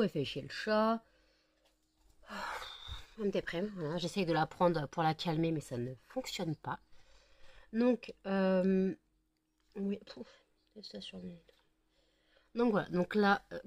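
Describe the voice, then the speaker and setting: A woman's voice: medium pitch, a little slow, long pauses, a little mellow, no room sound. A tired woman vlogging casually at home, rambling with many fillers and talking to her dog. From France. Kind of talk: casual home vlog chat. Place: home indoors.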